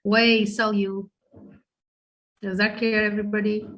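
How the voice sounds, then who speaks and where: A woman's voice: medium pitch, flat delivery, unhurried, a bit bright. Woman teaching a French class online. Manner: explains French phrases in English, asks students questions.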